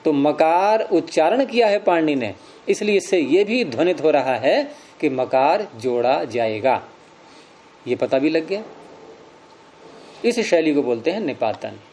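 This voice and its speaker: A man's voice: a little high, animated, measured pace, darkish tone, slight background noise. A man teaching a grammar lesson, explaining each step patiently and asking questions that he answers himself.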